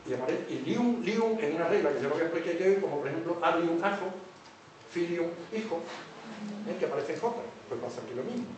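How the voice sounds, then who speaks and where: A man's voice: fairly high pitch, animated, brisk. A man giving a public lecture as a teacher, explaining examples and often checking in with his listeners. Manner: keeps checking in with the audience. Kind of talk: public lecture on word origins. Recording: echoey hall from far off, faint noise.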